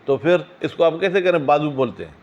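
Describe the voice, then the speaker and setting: A man with a fairly high voice teaches a seminary class on a legal text, slowly reading out Arabic phrases before explaining them in quick, questioning asides to his students. The recording is muffled.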